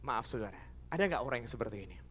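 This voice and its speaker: A man preaching a lively sermon to his congregation, calling out to them as he goes. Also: mid-range voice, rapid-fire, slight background noise. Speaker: pastor. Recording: long hall reverb.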